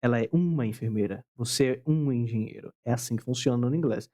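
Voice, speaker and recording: A man's voice: medium pitch, fast, mellow. A Brazilian man teaching English grammar in Portuguese, patiently repeating key words and quizzing the viewer with questions. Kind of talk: explaining English grammar at a board.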